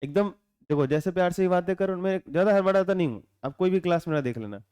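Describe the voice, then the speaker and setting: A man with a Bihari accent teaching a class, talking calmly and without hurry, often asking the students to answer back. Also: high voice, smooth. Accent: Bihari Hindi. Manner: calm, unhurried, keeps asking students to answer.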